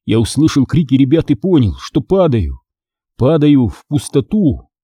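Male audiobook narrator, dramatic storytelling, husky voice, dry close sound. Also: medium pitch, big pitch swings, moderate pace, warm tone, no echo. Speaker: audiobook reader.

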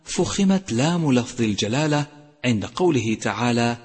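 A man teaching Quran recitation rules in a tajweed lesson, speaking slowly and deliberately and drawing out and chanting each example word. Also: mid-range voice, expressive, a little mellow, breathy edge, in a large hall. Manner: slow and deliberate, stretching and chanting the example words.

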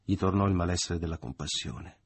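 Man, literary audiobook narrator, measured deliberate reading, deep voice, husky. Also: dry recording. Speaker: audiobook reader.

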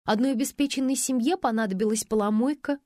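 A woman reader voicing a frightened, whiny young woman who complains and whimpers in a high, teary voice. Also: quick pace, mellow, no room sound, studio quality, close to an everyday voice. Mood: whining.

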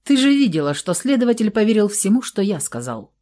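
A woman's voice: mid-range voice, sing-song, a little fast, warm tone, voice pushed up, lightly acted. A woman reading aloud and voicing a cold, domineering elder vampire brother who speaks curtly and commandingly. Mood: icy. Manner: icy, curt, commanding.

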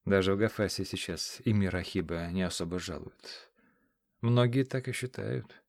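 Solemn exiled king in an audiobook, read by a man; low, measured, grave. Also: vocal fry, no room sound.

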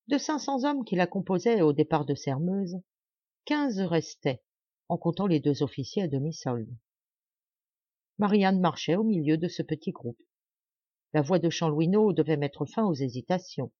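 Woman audiobook reader, mellow dark voice, dry close sound, dull lo-fi. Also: fairly low pitch, husky, no echo. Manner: measured, dramatic storytelling. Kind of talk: audiobook narration of a classic novel.

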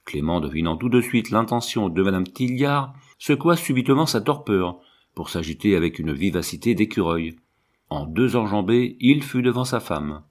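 A man reading a classic novel aloud in a measured, expressive narration. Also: on the low side. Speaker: audiobook reader.

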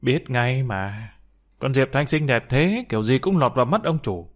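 A man's voice: mid-range voice, expressive, moderate pace, close to an everyday voice. A man voicing a young waitress who gossips in a snide, spiteful way. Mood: gossipy.

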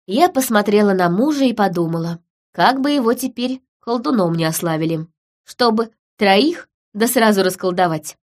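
A woman narrating a story in the first person with even storytelling. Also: medium pitch, moderate pace. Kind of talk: scripted narration.

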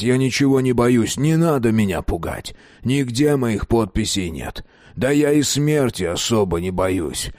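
A man's voice: mid-range voice, darkish tone, no echo, studio quality. A man reading the part of a cynical older official, a grandfather who rants irritably about everyone around him. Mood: defensive. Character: bitter older male official, grey-haired grandfather.

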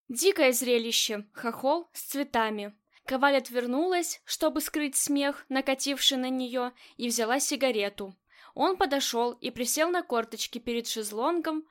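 A woman with a high, light voice reading a novel aloud as an audiobook. Her narration is scripted, even and clear.

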